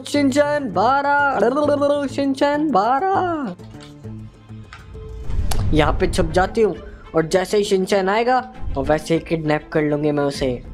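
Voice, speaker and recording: A woman's voice: low voice, a little mellow, faint music behind, close to an everyday voice. A woman voicing a spiteful female teacher villain who plans a kidnapping, over game footage. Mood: gloating. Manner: slow, drawn-out threatening speech.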